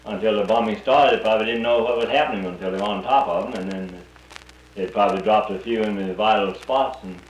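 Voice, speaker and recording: Casual talk about the war comes from a North Carolina man on an old 1941 recording with a roomy sound and a light hiss. He has a low-ish voice and a quick pace, and he's blunt, regularly breaking off to restart sentences.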